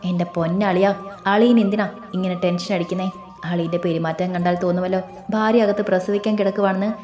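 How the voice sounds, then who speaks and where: Woman voicing a teasing excitable young man. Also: fairly low pitch, fast talker, lightly acted. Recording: roomy with faint music.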